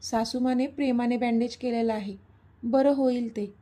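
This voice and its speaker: A woman's voice: fairly high pitch, steady tone, normal speed, mellow, natural voice. Woman reading a playful young lover. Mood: soothing. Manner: teasing, easygoing. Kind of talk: storybook reading.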